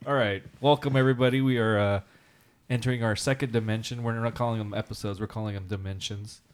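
A playful man co-hosts a relaxed podcast from a desk, his voice sitting on the low side. He chats loosely and likes to toss in silly put-on voices. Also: quick pace. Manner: playful, slips into joke voices. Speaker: podcast co-host. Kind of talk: casual chat. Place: indoors at a desk.

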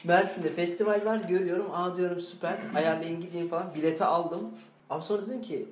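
A man's voice: sits high, steady tone. Laughing jokey man in an echoey room. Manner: playful, quick to laugh at his own mix-ups. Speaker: podcast co-host. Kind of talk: casual comedic chat. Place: cramped, stuffy small room. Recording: echoey room with faint background hiss.

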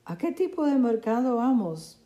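A woman's voice: a little high, very animated, normal speed, dark tone, muffled recording, voice pushed up. A woman voicing a fussy, vain teenage girl who complains dramatically, in a storybook reading. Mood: complaining.

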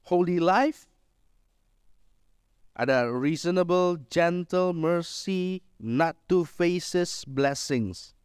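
Middle-aged male pastor, animated joking preacher, slightly high voice, dry recording. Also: clear, resonant tone, dry recording. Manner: lively, mixes Indonesian with English phrases, jokes with the congregation. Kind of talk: sermon.

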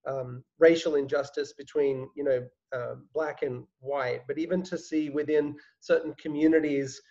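Hesitant interviewer, a man with a higher voice. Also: fairly even intonation, moderate pace, warm tone. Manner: hesitant, filler-heavy, musing. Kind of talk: conversational interview. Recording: dull lo-fi recording.

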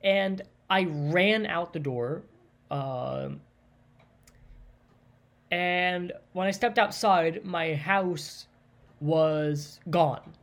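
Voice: mid-range voice, very slow, vocal fry, long pauses. Rambling, chatty solo podcast host. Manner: rambling, lots of likes and ums; stops often to clarify and rephrase. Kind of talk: casual solo podcast storytelling.

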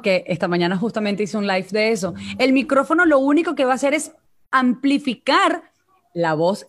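High-voiced Venezuelan vocal coach. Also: female voice. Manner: coaching tone, addresses listeners directly. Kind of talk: live online interview.

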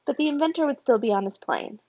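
Woman, story narration, steady reading, husky, dull lo-fi recording. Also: sits high, quick pace, dry recording. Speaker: fan fiction reader. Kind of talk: audiobook-style story narration.

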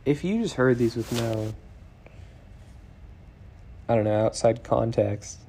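Slow, gravelly, stoned young man rambling. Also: medium pitch, animated, dark tone, a little hiss or hum. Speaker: vlogger. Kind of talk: casual video diary.

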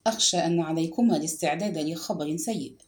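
A woman reading an audiobook and voicing a gentle, weary male chief police inspector who speaks quietly and carefully, in a lower, softer voice than her own. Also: fast talker, close to an everyday voice. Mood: grave, gentle.

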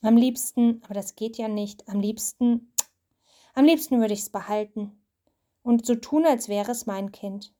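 A woman's voice: fairly high pitch, unhurried, warm tone, natural voice. A woman voicing a kind, decisive young princess while reading a storybook aloud to a child. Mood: caring.

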